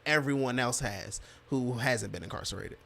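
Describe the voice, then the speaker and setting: A man co-hosting a casual podcast about local politics, talking in an emphatic, animated way and laughing often. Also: medium pitch, moderate pace, creaky. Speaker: podcast co-host.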